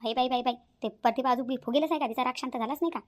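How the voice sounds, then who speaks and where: A woman's voice: high-pitched, fairly even intonation, rapid-fire, darkish tone, close to an everyday voice. A woman voicing a bossy, grumbling older village mother-in-law in a cartoon, speaking shrilly. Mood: scolding. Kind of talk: cartoon voice acting.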